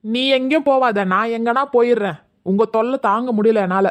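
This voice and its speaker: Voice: medium pitch, a little fast, lightly acted. A performer playing a harried husband caught between his wife and his mother in a comedy skit, pleading and placating. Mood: exasperated.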